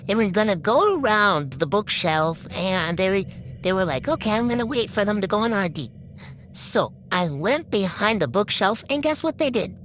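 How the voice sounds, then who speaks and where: Exasperated woman rambling over gameplay. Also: medium pitch. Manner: exasperated, rambling, frequent restarts. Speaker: gaming video creator. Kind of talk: casual gameplay commentary. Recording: steady background noise.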